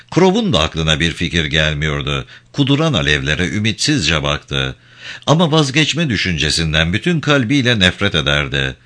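A man reading a thriller novel aloud as an expressive audiobook narrator. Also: deep voice. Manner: expressive, dramatic.

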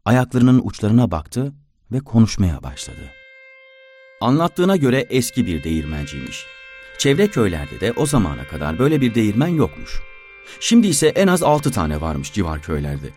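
Expressive male storyteller, faint music. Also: on the low side, moderate pace. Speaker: narrator. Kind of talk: scripted story narration. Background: faint instrumental music.

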